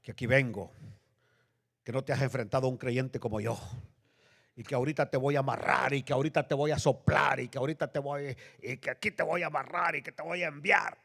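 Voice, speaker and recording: A man's voice: mid-range voice, fairly even intonation, creaky, fairly bright tone. A man preaching who mimics a boastful, overconfident believer rattling off threats at demons, in a church with long reverb. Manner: rapid bragging threats.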